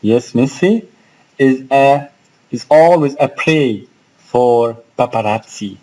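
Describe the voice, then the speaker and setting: A man's voice: mid-range voice, mellow, faint music behind, poor audio. A man with an Egyptian accent who teaches English vocabulary, spelling out words and asking his students questions. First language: Arabic. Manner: slow, explaining, spells out words and asks the class questions. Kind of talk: vocabulary lesson.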